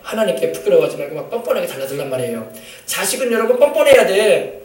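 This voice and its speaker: A male pastor delivers a sermon in a church sanctuary, speaking quickly in a high, bright voice and very animated. He emphasizes his points, calls out to the congregation and acts out family scenes, all captured echoey by a distant mic.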